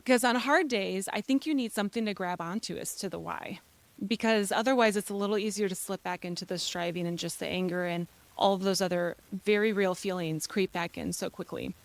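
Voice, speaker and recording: A middle-aged woman speaking at church, telling a personal story in a relaxed, conversational way with quick asides and laughter. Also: mid-range voice.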